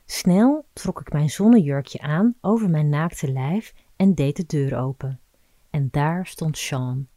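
Low dark-voiced woman reading an erotic story. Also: no room sound. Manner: intimate, measured storytelling. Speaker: narrator.

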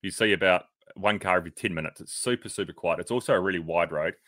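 A man's voice: sits low, fast talker, no room sound, studio quality. A man with a New Zealand accent, co-hosting a podcast and telling stories in casual, swear-heavy chat. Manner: animated storyteller, swears freely. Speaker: podcast co-host.

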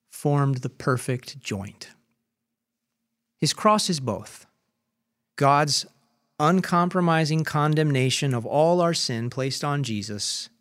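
A preacher giving a sermon, telling a story in a measured way. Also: male voice, mid-range voice, a bit bright.

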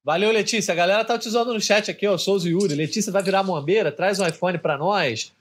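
Joking podcast host, man, higher voice, reads chat comments. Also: fast, a little hiss or hum. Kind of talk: casual podcast hosting.

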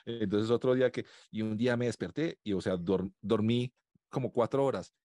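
A young man co-hosting a podcast, telling animated stories and laughing often. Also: lowish voice, moderate pace, no echo. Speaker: podcast co-host. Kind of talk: casual podcast chat.

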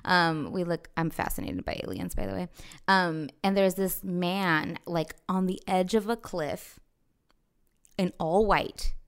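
A woman's voice: lowish voice, unhurried, smooth. A young adult woman co-hosting a podcast, chatting casually and telling stories with lots of laughter. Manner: chatty, animated storyteller with frequent laughs. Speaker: podcast co-host. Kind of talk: casual chat.

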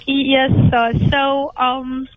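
High-voiced woman telemarketer rushing through a script. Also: flat delivery, a little hiss or hum. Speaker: telemarketer selling life cover. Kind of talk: sales phone call. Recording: phone call with background chatter.

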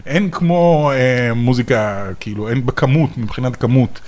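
A man's voice: medium pitch, a little mellow. A man with an Israeli accent chatting casually as a co-host, with offhand, wry remarks. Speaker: podcast co-host. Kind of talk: casual chat.

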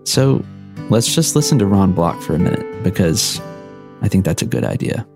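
A man's voice: sits low, big pitch swings, normal speed, creaky. A man hosting a podcast in a playful, conversational, casual way. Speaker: podcast host. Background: acoustic guitar music.

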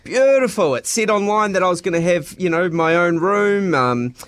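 A man's voice: sits high, expressive, moderate pace, fairly bright tone, smooth, no room sound. A man with a New Zealand accent telling a casual comic anecdote, emphatic and exaggerating.

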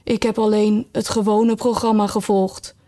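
A woman voicing a sad, sighing old male mock turtle who tells his tale slowly and mournfully. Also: medium pitch, level tone, warm tone, close to an everyday voice. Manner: slow, sighing, mournful telling.

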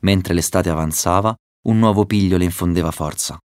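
A man narrating a storybook chapter in a calm, measured reading. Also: sits low, no echo, clean studio sound. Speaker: audiobook narrator.

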